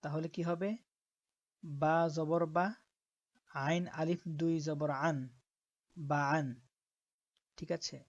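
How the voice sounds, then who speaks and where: A woman teaching Quran reading, who spells out letters slowly and often checks that her listeners are following. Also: low-pitched, fairly even intonation, no echo, highs cut off. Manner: slow, patient, checks in with "ঠিক আছে?".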